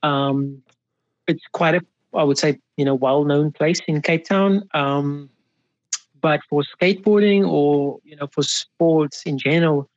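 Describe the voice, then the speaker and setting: A South African man in his twenties, a guest in a casual interview, relaxed and chuckling easily, with lots of fillers. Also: a little high, measured pace, no room sound, highs cut off. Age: 20s. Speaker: guest, pro skateboarder.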